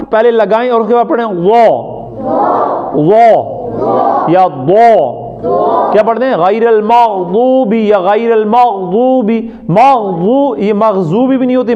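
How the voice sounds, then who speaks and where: High-voiced man drilling letter sounds. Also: dull audio. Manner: drills letter sounds, asks and answers his own questions; chants recited words slowly in a sung tone. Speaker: Quran recitation teacher. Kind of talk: classroom pronunciation lesson.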